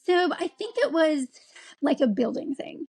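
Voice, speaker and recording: A woman of forty, an interview guest, telling her own story in a halting way with frequent ums and restarts. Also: high-pitched, sing-song, a little mellow, rough recording. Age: 40s. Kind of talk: candid personal account.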